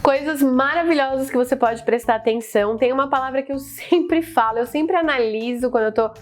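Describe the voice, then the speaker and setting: A young Brazilian woman, an English teacher, explaining pronunciation in a casual video lesson. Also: high-pitched. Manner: chatty, explains with drawn-out example phrases.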